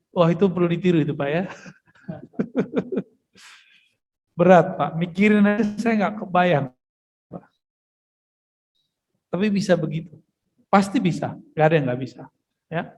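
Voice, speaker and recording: Man, preacher, high voice, casual joking asides, long mosque reverb. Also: a little mellow. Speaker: preacher giving a mosque study session. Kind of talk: religious lecture with storytelling. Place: mosque hall.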